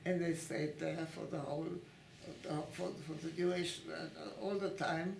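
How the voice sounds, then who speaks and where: A woman in her nineties, born in Italy and raised in Italy and Switzerland, recalling her past in an oral history interview at her home, speaking haltingly and restarting often as she searches for words. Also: sits low, steady tone, gravelly, darkish tone, a little hiss or hum. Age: 90s. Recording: roomy echo in a home.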